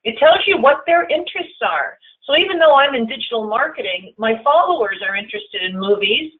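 A woman's voice: on the high side, lively intonation, brisk. Chatty woman tutor on a tinny line. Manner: chatty and upbeat, often calling features cool. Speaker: digital marketing consultant presenting a workshop. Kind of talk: screen-share tutorial walkthrough. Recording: narrow phone-like audio.

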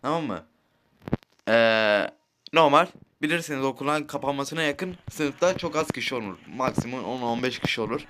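A man's voice: mid-range voice, animated, moderate pace, background noise. A teenage boy casually telling rambling, crude school stories while playing a mobile game, swearing often and checking in with his listeners. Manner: rambling, crude, swears a lot, keeps asking "right?". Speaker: gaming streamer. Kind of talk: casual storytelling over gameplay.

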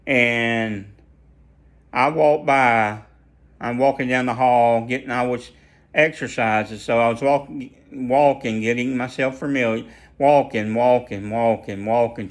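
A man's voice: medium pitch, fairly bright tone. A man sharing a personal faith testimony in a casual storytelling way, earnest and prone to repeating and restarting his phrases.

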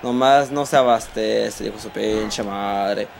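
A man with a Mexican accent giving excitable let's play commentary, swearing a lot and talking to viewers as he plays. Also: fairly low pitch, slow, creaky. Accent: Mexican Spanish. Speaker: gaming channel host.

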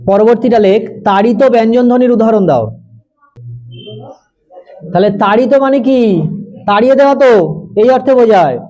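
A male tutor giving a grammar lesson to students, explaining step by step, repeating key terms, checking understanding and slowing down to dictate definitions. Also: extremely high pitch, warm tone, rough recording.

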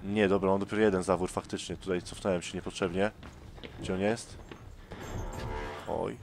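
A man's voice: deep voice, fairly even intonation, normal speed, gravelly, background noise. A man doing let's play commentary on a horror game, tense and jumpy, muttering to himself.

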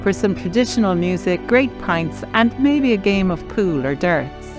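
A woman's voice: medium pitch, expressive, normal speed. A woman with an Irish accent presenting a travel programme in scripted narration. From southern Ireland. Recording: light music behind the narration.

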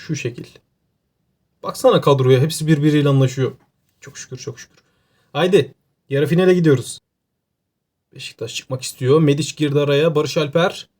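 A man with an Aegean Turkish accent giving casual, joking gameplay commentary, excitable and talking to himself. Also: a little high, brisk, pauses often. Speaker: gaming YouTuber.

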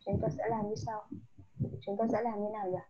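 A woman's voice: mid-range voice, fairly quick, slightly rough. A woman tutoring a child in English one-on-one, patient and coaxing, switching between languages as she explains. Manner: patient, coaxing teacher mixing languages, lively when explaining. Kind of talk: one-on-one online English lesson. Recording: dull lo-fi sound.

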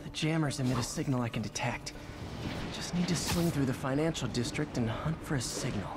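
A man's voice: medium pitch, brisk, natural voice. An actor playing a quippy young male superhero in a video game, tossing off light jokes between lines. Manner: light, joking quips.

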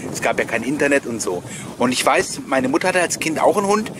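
The host of a collectors' nostalgia video channel, a man, delivers an informal voice-over sharing memories with his viewers. He rambles amiably through personal anecdotes at a middle pitch, often chuckling, with some audible background noise behind him.

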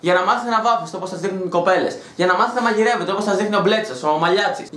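A man rants in a casual home vlog, crude and mocking, with a sarcastic bite. His voice sits high for a man and swings widely in pitch. The room around him gives a noticeable echo. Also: a bit bright. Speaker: YouTuber. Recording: roomy echo.

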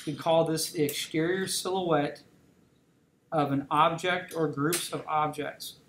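This drawing teacher speaks at a measured pace in a steady, fairly bright voice that sits a little high. He chats with students while drawing, regularly asking "okay?", in a roomy classroom with slight background noise.

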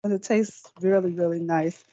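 A middle-aged woman talks her way through a live cooking demonstration at the stove, chatty, encouraging and prone to repeating words. Her lowish, dark voice keeps a steady tone at a normal speed. The set is small and indoors with folding screens, and the recording has a dry, dull, lo-fi sound.

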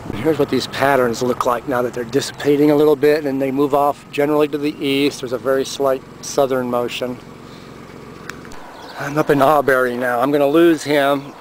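A man filming the sky outdoors, giving a casual, amused running commentary into his handheld camera's microphone. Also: medium pitch. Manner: amused, chatty, pointing things out. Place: outdoors, by the road and in a car. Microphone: handheld camera mic. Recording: noisy outdoor camera audio. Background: traffic and outdoor noise.

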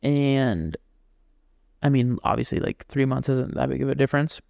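A man co-hosting a casual podcast chat, telling stories in an animated way, acting out folksy voices and swearing casually. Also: mid-range voice, moderate pace, gravelly, no echo, clean studio sound. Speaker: podcast co-host.

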